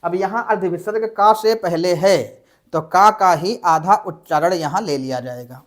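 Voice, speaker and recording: A man teaching a Sanskrit grammar lesson, asking and answering his own questions and slowing down to spell out examples. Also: sits high. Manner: slows to spell out examples syllable by syllable.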